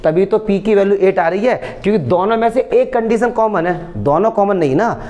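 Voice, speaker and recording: A man's voice: high-pitched, brisk, darkish tone, dull audio. A man teaching a maths lesson for board exams, explaining step by step and checking often that students follow. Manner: coaxing, checks understanding often.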